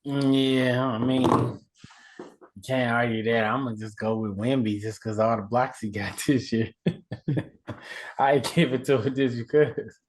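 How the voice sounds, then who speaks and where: A man co-hosting a sports podcast in a relaxed style, often laughing and repeating words as he talks. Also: mid-range voice, a little slow. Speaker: podcast co-host. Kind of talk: casual sports chat.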